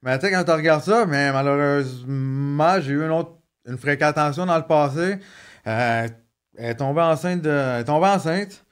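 A man in his thirties with a Quebec French accent tells personal stories as a podcast guest, keeping it casual and joking with frequent restarts and fillers. His voice is a little high, clear and resonant, at a normal speed.

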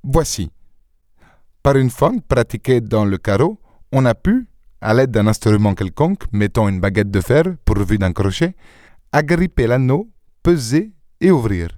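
Brief: male reader doing a composed, faintly dogmatic gentleman detective in an audiobook, mid-range voice, dry studio sound. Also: medium pitch, unhurried, no room sound. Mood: assured. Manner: calm, assured, slightly lecturing. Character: calm, self-assured gentleman sleuth, dogmatic.

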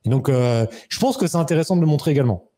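A man in his thirties telling a personal story as an interview guest, animated and acting out quoted dialogue. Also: racing. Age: 30s. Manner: animated, acts out quoted dialogue with raised pitch. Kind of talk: casual storytelling.

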